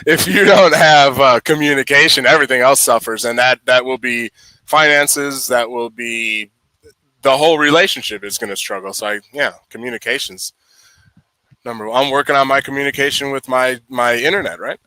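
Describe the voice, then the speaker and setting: A man's voice: medium pitch, normal speed, pushed and bright, dry recording, poor audio. A man chatting casually and informally as a guest on an internet call-in stream. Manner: informal, says dude and man. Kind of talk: casual chat.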